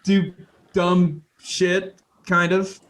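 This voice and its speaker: A man, hosting a casual podcast chat with quick, laughing asides. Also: high voice, flat delivery, background noise. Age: 30s. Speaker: podcast host.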